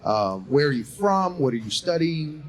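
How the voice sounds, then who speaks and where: A man in his forties co-hosts a live podcast on a college campus, also serving as game host in the casual chat. He's upbeat, laughs often and rushes through explanations, his slightly high voice swinging widely in pitch.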